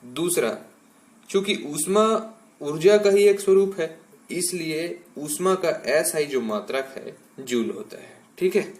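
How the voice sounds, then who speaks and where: A man's voice: a little high, expressive, a little slow, a little mellow. A male school science teacher giving a classroom lecture, explaining step by step and checking in with students after nearly every point, mixing English terms into his explanations.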